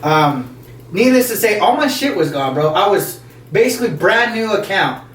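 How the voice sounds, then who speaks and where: A man's voice: sits high, big pitch swings, moderate pace, a bit bright. A man hosting a podcast, telling a rambling, profane story in casual chat, recorded at home. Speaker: podcast host. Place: room in a house. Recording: echoey room, mic at a distance, faint noise.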